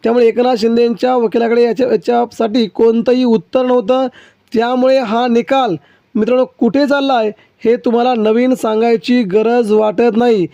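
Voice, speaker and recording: A man's voice: very high voice, steady tone, normal speed, vocal fry, warm tone, dry recording, highs cut off. A man presenting political news commentary, explaining emphatically and calling his viewers friends.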